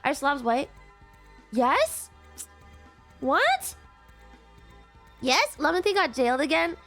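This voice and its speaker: A woman in her twenties with a cute anime-streamer voice, pitched very high and animated. She chats casually to her livestream viewers in a playful, giggly, excitable way, with music playing. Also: slow. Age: 20s. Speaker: VTuber livestreamer. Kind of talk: casual livestream chat, reacting to viewer messages.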